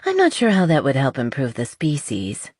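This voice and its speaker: A woman voicing a young woman in an audiobook, raising her voice in an emphatic, lively way. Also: very deep voice, moderate pace, husky, dry recording, clean studio sound, heavily acted. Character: flustered young woman, then sweetly teasing. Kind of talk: audiobook character voice.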